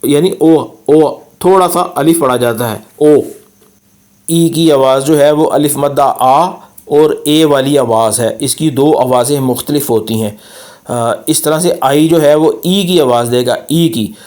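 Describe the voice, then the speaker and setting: A man's voice: mid-range voice, darkish tone. Man teaching pronunciation. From Pakistan. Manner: slow, repeats sounds for practice. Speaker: language teacher. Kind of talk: slide-based pronunciation lesson.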